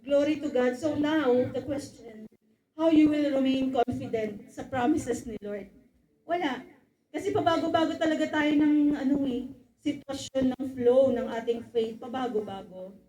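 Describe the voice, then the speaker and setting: A woman's voice: sits high, a little slow, dark tone, roomy sound, poor audio. A woman preaching a sermon, mixing English and Filipino, calling for amens from the congregation and acting out quoted exchanges. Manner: acts out quoted exchanges in a raised voice.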